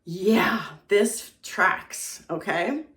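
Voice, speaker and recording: A woman's voice: mid-range voice, very slow. Chatty woman reading tarot, echoey room. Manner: chatty, animated, with many fillers and "okay?" check-ins. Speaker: tarot reader. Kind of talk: casual tarot reading to camera.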